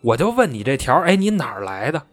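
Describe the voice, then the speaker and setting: A man doing a gruff, scornful young clerk. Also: mid-range voice, sing-song, quick pace, no echo, faint music behind. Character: blunt young man, a factory accountant cousin.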